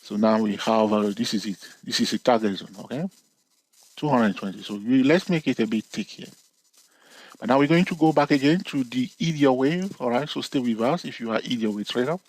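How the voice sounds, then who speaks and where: A trading educator with a husky, darkish voice talks a little fast in a rough recording of a casual screen-share chart lesson. He checks in often, asking viewers "okay?" and "all right?", and keeps a playful, teasing manner with sudden upward jumps in pitch for emphasis.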